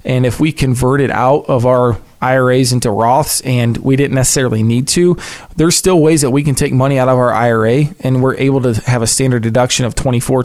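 A man's voice: medium pitch, darkish tone. An American man speaking as a financial advisor, explaining things conversationally in a folksy, plain-spoken way.

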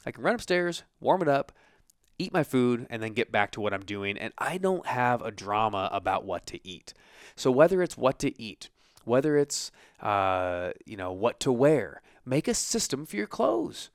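A man's voice: mid-range voice, big pitch swings, moderate pace, clean tone, no echo, clean studio sound. An American man giving an informal motivational talk as a coach, conversational and emphatic, voicing imagined self-talk, recorded in a basement office. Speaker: self-help coach and show host.

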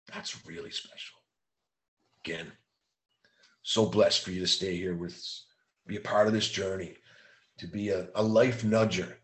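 A man giving an emphatic motivational monologue, repeating key phrases and slowing down to stress them. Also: low voice, fairly bright tone, roomy sound. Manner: slows down for emphasis. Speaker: motivational speaker.

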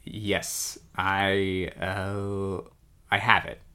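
Low-voiced man agreeing in casual chat. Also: monotone, extremely slow, sharp tone, clear, resonant tone. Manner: agreeable, frequent "yeah" and short backchannels. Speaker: podcast co-host. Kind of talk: casual movie discussion.

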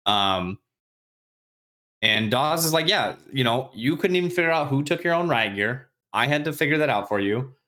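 A man on a podcast casually retelling a novel's chapters, acting out the characters' lines in quick, offhand voices and swearing freely. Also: mid-range voice, lively intonation, pushed and bright. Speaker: podcast host recapping a book. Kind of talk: casual chat.

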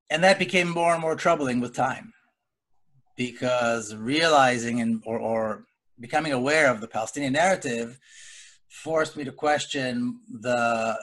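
A middle-aged man, speaking earnestly as a panelist in a webinar discussion. He talks deliberately, with frequent pauses and restarts. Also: mid-range voice, a bit bright. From Israel. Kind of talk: personal account in a webinar discussion. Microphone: video call.

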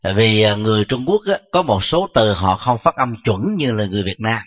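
A man, a Buddhist monk, giving a measured dharma talk and answering questions, pausing often with soft fillers. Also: fairly low pitch, expressive. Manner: slow, measured, frequent filler "à". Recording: dull lo-fi recording.

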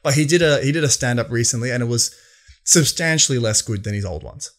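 A man in relaxed podcast chat who mostly agrees with his friend and often restarts his sentences. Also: mid-range voice, fast. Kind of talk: casual chat.

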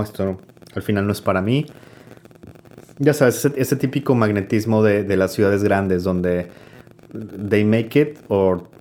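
Low-voiced man musing aloud. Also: darkish tone, a little hiss or hum. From Mexico. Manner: thoughtful, rambling, many restarts and filler tags. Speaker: interview guest. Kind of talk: reflective conversational interview.

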